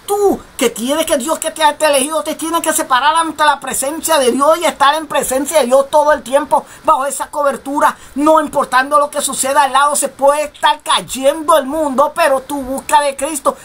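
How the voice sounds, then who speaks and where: A woman preaches a radio sermon in a high, bright, cutting voice. She drives her points home by repeating phrases, and every so often she breaks into a shout. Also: steady tone, normal speed, hardly any pauses. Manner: emphatic, repetitive, bursts of shouting.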